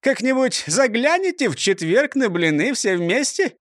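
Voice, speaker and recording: A man's voice: very high voice, very animated, normal speed, no echo, studio quality, pitched above the performer's own voice. Man doing a hearty storybook mayor. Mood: jovial. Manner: cheerful, hearty. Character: jolly generous male mayor.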